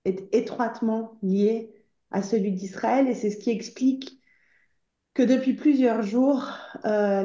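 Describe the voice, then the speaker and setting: In a conference room, an Iranian woman speaking as an association spokeswoman gives an impassioned speech, urgent and earnest, calling the audience to act while often pausing on hesitant fillers. Her voice is a little high and warm. The recording is roomy and slightly dull.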